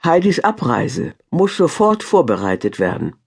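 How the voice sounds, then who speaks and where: A woman voicing a calm, gentle wealthy father in a storybook reading, speaking in a measured way. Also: deep voice, creaky, husky, exaggerated voice.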